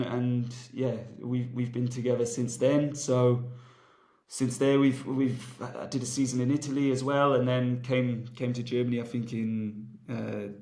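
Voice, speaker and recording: A Welsh rugby coach in his 30s is the guest in a casual interview, giving long, rambling answers. His medium-pitched voice is level and a little slow, and he sounds relaxed and chatty, thinking aloud with many fillers and restarts.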